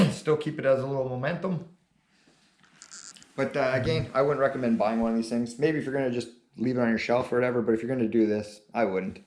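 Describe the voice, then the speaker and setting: A man's voice: medium pitch, brisk. Man, laid-back rambling talk, losing his voice, fillers, echoey room. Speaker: channel host. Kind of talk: casual video chat.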